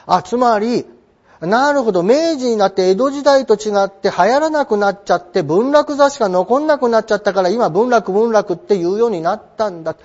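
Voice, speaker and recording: A man's voice: high voice, a little fast. A man teaching a lesson from a textbook, answering his own imagined questions and acting out small exchanges. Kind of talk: textbook lecture. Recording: dull, lo-fi sound.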